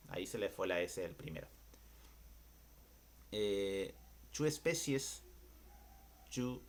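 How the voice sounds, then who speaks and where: A man with an Argentine Spanish accent teaching an English lesson, repeating each word pair slowly, often checking with a quick question and pausing on fillers. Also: lowish voice. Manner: hesitant, many "eh" fillers. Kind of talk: recorded classroom lesson.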